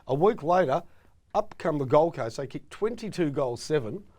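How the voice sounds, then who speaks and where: A man's voice: fairly high pitch, lively intonation, normal speed, a little mellow. A middle-aged Australian man co-hosting a casual football chat show, opinionated and emphatic as he tells stories. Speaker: co-host.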